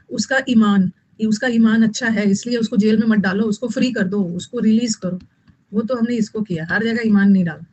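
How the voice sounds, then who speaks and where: A woman's voice: fairly high pitch, a little mellow, poor audio. Woman teaching vocabulary, repeating words. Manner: scolding, repeats key words, mixes English terms into Hindi. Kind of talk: online exam-prep lesson.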